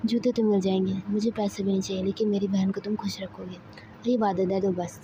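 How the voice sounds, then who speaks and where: A woman's voice: medium pitch, level tone, brisk, noisy background, close to an everyday voice. A woman voicing the bride's bossy, teasing elder sister in a told story, on a slightly dull recording.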